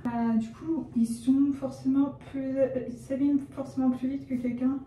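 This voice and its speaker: This young woman has a high, mellow voice with level intonation and a moderate pace, heard from a distance in a roomy space with slight background noise. Vlogging casually at home while dyeing her hair, she rambles, self-corrects, and uses many fillers such as "genre" and "euh," calling herself shy and reserved.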